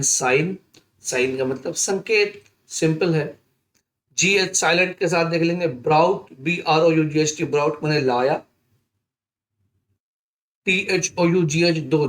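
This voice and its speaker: Teacher guy, bit high voice, spells stuff out slow and patient. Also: fairly bright tone. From India. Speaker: English teacher. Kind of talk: spoken English lesson.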